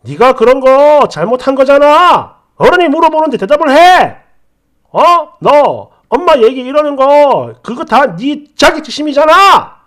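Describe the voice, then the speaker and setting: A man playing a curt young boyfriend from a storybook tale, irritable and dismissive, snapping his replies. the voice sits high and pushes hard on each short retort. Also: big pitch swings, a little slow, fairly bright tone, full character voice. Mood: reproachful.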